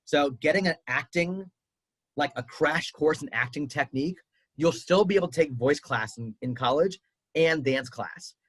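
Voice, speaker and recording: A man's voice: on the high side, moderate pace, a bit bright, husky, no room sound, poor audio. A man coaching a family on college auditions over a video call, chatty and upbeat with lots of fillers. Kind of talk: casual advice on a video call.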